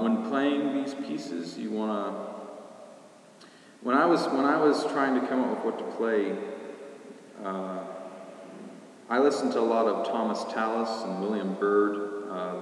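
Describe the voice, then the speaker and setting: Man, lowish voice, easygoing flute lesson, heavy cave echo, long ringing reverb, distant computer mic. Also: slight background noise. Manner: easygoing, explanatory. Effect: booming cave-like echo. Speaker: flute teacher. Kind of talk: casual instrument tutorial. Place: indoor racquetball court. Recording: echoey court reverb from far off.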